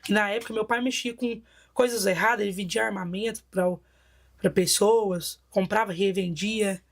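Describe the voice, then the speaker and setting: A woman's voice: medium pitch, steady tone, moderate pace. A woman with a Brazilian Portuguese accent, a bishop giving a personal testimony in a vivid, dramatic storytelling manner.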